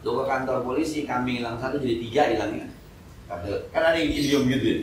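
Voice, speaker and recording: Betawi-accented preacher in an echoey mosque hall. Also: male voice, mid-range voice, fast talker, slight background noise. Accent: Betawi Jakarta. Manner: joking, acts out everyday scenes in slangy banter. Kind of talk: mosque study-circle sermon. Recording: echoey hall, mic from far off.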